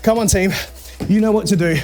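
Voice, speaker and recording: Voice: mid-range voice, brisk, a little mellow, soft background music. Upbeat fitness coach. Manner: encouraging, chatty, demonstrating while exercising. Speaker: fitness instructor. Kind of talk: coaching a live home workout.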